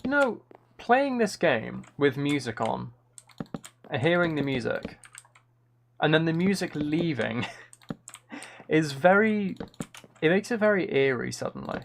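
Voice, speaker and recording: A man chats casually on a live game stream, musing and thinking out loud while he plays. His voice is a little high and creaky with big pitch swings, unhurried and full of long pauses, over slight background noise.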